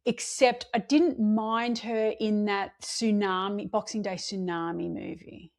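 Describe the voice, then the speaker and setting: A woman co-hosting a casual chat podcast, chatty with quick self-mocking asides. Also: mid-range voice, fairly even intonation, a little mellow. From Australia. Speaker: podcast co-host. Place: home or work, remote recording.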